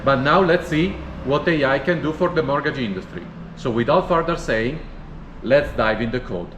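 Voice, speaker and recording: A man hosting a casual tech tutorial, walking through code in a relaxed, plain explanatory way. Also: mid-range voice, normal speed, dull audio. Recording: echoey with long reverb and faint noise.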